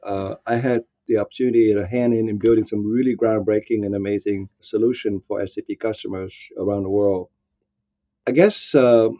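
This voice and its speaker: A man in his sixties who grew up in Vietnam is a guest answering interview questions thoughtfully, often using fillers and restarting his sentences. His voice is fairly low and warm, and the lo-fi recording has no room sound.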